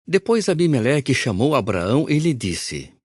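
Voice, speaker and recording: A man reading a Bible audio recording aloud in a measured, solemn narration. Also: mid-range voice, sing-song, darkish tone, breathy edge, dry recording, studio quality.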